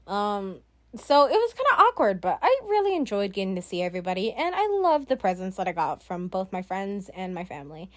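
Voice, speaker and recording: A teenage girl hosting her own podcast, rambling casually with lots of fillers, giggles and self-deprecating asides. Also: mid-range voice. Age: teens. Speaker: podcast host. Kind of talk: casual solo podcast chat.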